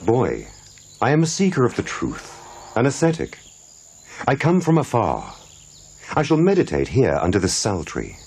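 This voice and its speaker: An actor playing a calm, resolute prince turned ascetic, speaking formal, measured lines in an animated film. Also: male voice, medium pitch, slight background noise. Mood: calm, gentle. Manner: solemn, formal, measured declarations.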